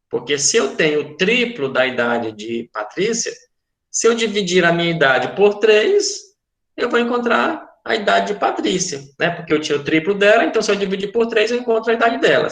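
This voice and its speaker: In an echoey room, a slightly high-voiced man with a fairly bright tone explains a word problem to his online math class. Speaking with a Brazilian Portuguese accent, he patiently repeats points and checks that students are keeping up.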